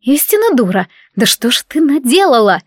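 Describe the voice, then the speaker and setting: A blunt, exasperated housemate scolds sharply, as a woman reading the story puts her on. Her voice rises higher and louder than the narrator's. The sound is dry and close, like a studio audiobook. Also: very animated, normal speed, slightly rough, no room sound, heavily acted. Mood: scolding.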